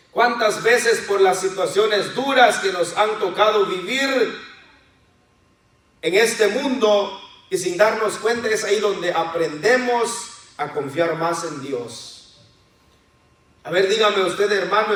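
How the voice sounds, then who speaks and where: High-voiced preacher in an echoey hall. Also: male voice, a bit bright, far from the mic. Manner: addresses the congregation as brothers and sisters, with questions to the listeners; acts out voices of children and believers in quotes. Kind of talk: sermon.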